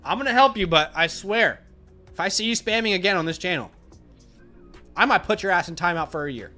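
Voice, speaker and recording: A man with a slightly high, worn voice talks his way loosely through a livestream and gets animated when viewers push him. He sounds like he is losing his voice, and soft music plays behind him. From Australia. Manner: rambling, animated, easily exasperated with viewers. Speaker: fantasy football host answering live chat questions. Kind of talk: casual livestream chat.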